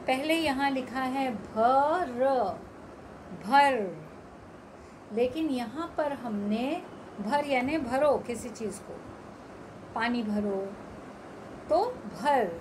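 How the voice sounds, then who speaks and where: Slow, high-voiced woman teacher. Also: background noise. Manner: slow, drawn-out word-by-word pronunciation drills. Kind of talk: Hindi phonics lesson for young children.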